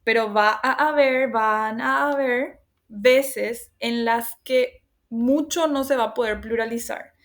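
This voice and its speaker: A woman's voice: a little high, takes it slowly. A woman teacher giving a class lecture, explaining patiently, often checking in with her students and reassuring them with a laugh. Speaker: language teacher.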